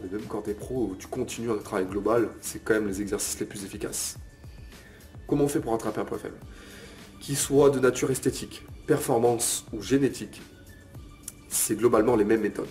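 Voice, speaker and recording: A young fitness coach with a medium-pitched, darkish voice gives a casual bodybuilding lesson to camera. He addresses the viewer informally as tu, peppering his explanation with "euh" and "ok?" check-ins.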